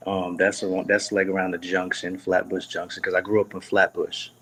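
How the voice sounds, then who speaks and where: A man's voice: deep voice, flat delivery, brisk, a bit bright, slight background noise. A young man, chatting as an interview guest, rambling with lots of fillers and restarts. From Brooklyn, New York. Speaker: guest singer. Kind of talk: casual interview.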